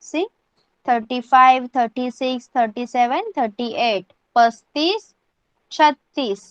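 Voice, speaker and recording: Teacher, woman, online class: slow deliberate drilling, spells words aloud, dull dry audio. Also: sits high, no echo. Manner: slow, repeats each word, spells it out letter by letter; mixes English, Hindi and Marathi when explaining. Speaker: language teacher.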